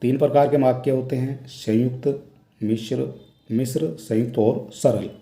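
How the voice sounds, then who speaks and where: Dark-voiced Hindi tutor in echoey room. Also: male voice, medium pitch, fairly even intonation, a little slow. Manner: explains step by step, repeats each question aloud. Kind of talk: exam question walkthrough lesson.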